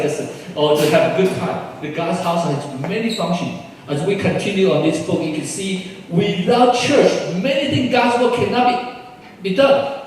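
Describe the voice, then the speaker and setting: A man's voice: high-pitched, slight background noise. A man from Taiwan preaching a sermon as pastor, speaking English as a second language and putting questions to the congregation. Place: large church hall. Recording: echoey church hall from far off.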